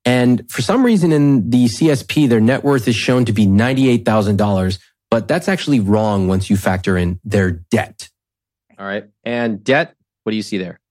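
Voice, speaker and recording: A man's voice: lowish voice, moderate pace, darkish tone, dry recording, clean studio sound. A man hosting a podcast as a financial coach, speaking informally and directly, with emphatic conversational delivery. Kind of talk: conversational coaching and host-read ads.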